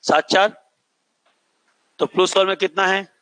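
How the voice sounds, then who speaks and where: Bright high-voiced male teacher, quizzing. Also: steady tone, unhurried. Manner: repeats each point and asks the class to echo it back; stretches out vowels to show their length. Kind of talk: classroom lecture.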